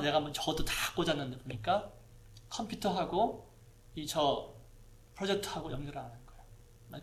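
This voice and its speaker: A male pastor gives a sermon in a church hall, speaking with a somewhat higher voice than most men. His delivery is conversational, and he often turns to the congregation with rhetorical questions. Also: fairly bright tone.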